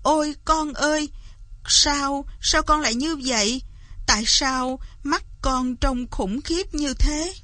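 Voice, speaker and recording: A woman's voice: on the high side, unhurried, no room sound, close to an everyday voice. A woman voicing a poor peasant mother who pleads anxiously, in a storybook reading. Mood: worried. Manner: pleading, anguished.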